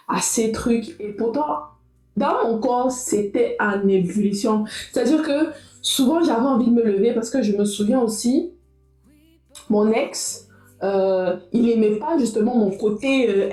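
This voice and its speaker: A young adult woman vlogging casually, talking straight to her viewers in a lively, chatty way. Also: medium pitch, reverberant, poor audio. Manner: lively, talks directly to viewers. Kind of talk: casual motivational vlog.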